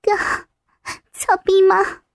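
A woman's voice: slow pace, no echo, studio quality, natural voice. A woman voicing a timid, frightened young woman who speaks meekly and pleads. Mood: timid pleading. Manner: meek, pleading.

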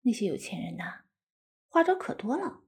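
A woman playing a coquettish, doting young wife in an intimate audio role-play, cutesy, pouty and wheedling, with a breathy voice. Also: fairly high pitch, big pitch swings, moderate pace, exaggerated voice. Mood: doting, reassuring.

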